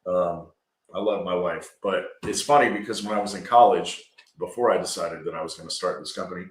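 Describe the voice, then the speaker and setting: A landscaping company owner in his 40s from Georgia is a guest on a casual podcast, speaking earnestly and rambling while often checking in with "right?" His low voice is brisk, and the sound is reverberant.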